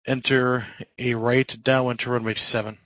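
A man's voice: medium pitch, level tone, moderate pace, a bit bright, no room sound. A man working as an air traffic controller, giving clipped, businesslike procedural instructions over radio. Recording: slightly muffled radio audio.

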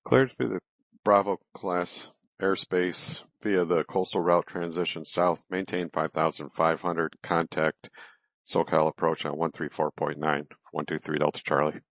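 A man with an extremely low, deep voice talks over a cockpit headset radio, clipping through standard aviation calls and readbacks. The sound is dull and lo-fi, very dry and close, like a transmission from the cockpit. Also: flat delivery, a little slow, fairly bright tone, no echo. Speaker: private pilot. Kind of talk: radio calls to air traffic control. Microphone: headset microphone.

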